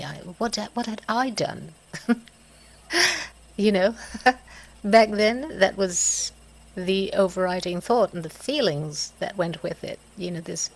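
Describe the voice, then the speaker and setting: A middle-aged woman speaking in a halting, reflective way, pausing often and letting out soft laughs and sighs. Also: on the low side, gravelly, poor audio. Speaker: host of a reflective video series. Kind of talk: slow personal reflection.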